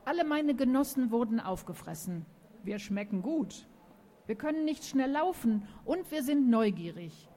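High jittery dodo bird guy from a kids' storybook, keeps repeating himself, mellow soft voice, a lady putting him on. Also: animated, moderate pace, lightly acted. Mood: anxious. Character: fretful extinct male dodo bird, nervous, chatty.

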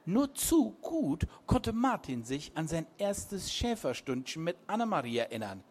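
A man with a fairly high voice reads a coastal crime story aloud. His delivery is animated and swings widely in pitch. Between chapters he drops into relaxed, chatty asides. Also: measured pace. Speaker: reader.

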